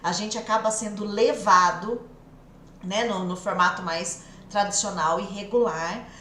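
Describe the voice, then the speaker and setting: A Brazilian woman teaching a live English lesson, drilling phrases over and over in a lively, repetitive way. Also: mid-range voice, a little slow, reverberant, a little hiss or hum. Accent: Brazilian Portuguese.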